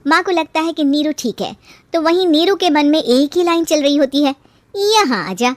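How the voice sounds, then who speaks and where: A woman narrating a cartoon story in an even storytelling manner. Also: high-pitched, moderate pace, no room sound.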